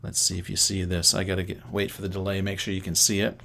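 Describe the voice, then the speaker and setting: A man's voice: low voice, completely flat delivery, quick pace, vocal fry, noisy background. A middle-aged man from Canada hosting a casual livestream, chatting to viewers by name and thinking aloud as he sets things up. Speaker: livestream host.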